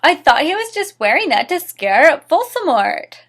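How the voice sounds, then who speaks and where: Woman playing a bratty high-pitched goth teen girl. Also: very animated, moderate pace, a bit bright, full character voice. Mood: outraged. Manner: petulant, indignant. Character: bratty, melodramatic goth teenage girl, easily outraged.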